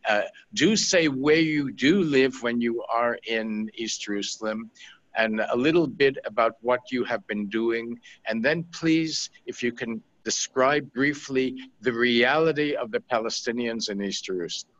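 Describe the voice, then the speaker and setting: A man's voice: medium pitch, measured pace, a bit bright. Male moderator with a dull lo-fi sound. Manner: directive, steering questions. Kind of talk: moderating a panel discussion.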